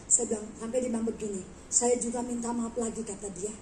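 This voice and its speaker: A woman preacher telling a testimony in a lively sermon, acting out the dialogue of her story. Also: fairly high pitch, fast, reverberant, background noise. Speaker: guest preacher. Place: large church hall.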